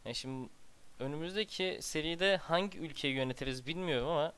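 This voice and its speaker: A man's voice: fairly high pitch, a little fast, fairly bright tone, clear, resonant tone. A man casually commenting on his strategy game as he plays, muttering to himself and breaking into exasperated outbursts. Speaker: gameplay commentator.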